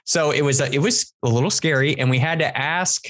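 A man's voice: fairly high pitch, fairly quick, a bit bright, no echo. A man from San Diego, a podcast co-host, telling a long story in casual chat with lots of restarts. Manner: rambling storyteller, many restarts.

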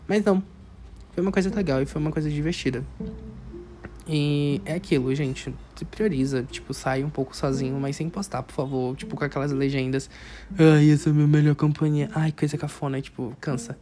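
A man's voice: medium pitch, steady tone, a little fast, darkish tone. A young man with a Brazilian Portuguese accent, casually retelling a night out in a filler-heavy storytime style. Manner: chatty, filler-heavy retelling with lots of quoted dialogue. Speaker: storytelling vlogger. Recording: music playing under the voice.

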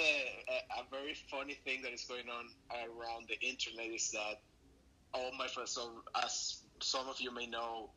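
Young Venezuelan man, bright flat voice. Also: mid-range voice, a little hiss or hum, poor audio. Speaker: guest. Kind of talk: casual interview talk.

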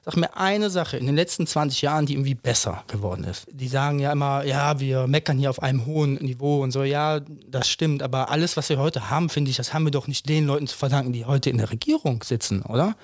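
A man in his thirties co-hosts a podcast, chatting casually but bluntly and emphatically, throwing out rhetorical questions and ending his points with "ne?". His mid-range voice moves fast with hardly any pauses, recorded at studio quality with no room sound.

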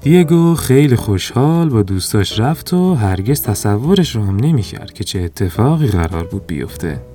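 A man narrating a children's story in a calm, even storytelling manner. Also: lowish voice, few pauses, soft background music.

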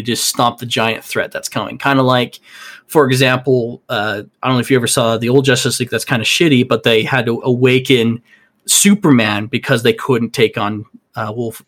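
A man's voice: medium pitch, fairly bright tone. A man co-hosting a gaming podcast, theorizing in a loose, rambling way with lots of fillers. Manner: rambling, many fillers and restarts. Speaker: podcast co-host. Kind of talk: casual chat.

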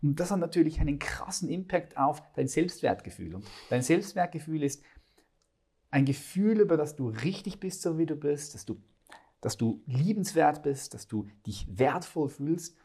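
A man's voice: a little high, expressive, moderate pace, darkish tone, breathy edge. A man hosting a casual talk, earnestly explaining ideas at length with frequent restarts. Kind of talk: casual conversation.

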